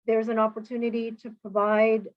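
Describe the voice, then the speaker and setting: A woman's voice: on the high side, flat delivery. Woman chairing a board meeting over a conference call. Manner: measured, with frequent "um" pauses. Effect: conference call audio. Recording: dull lo-fi conference call line.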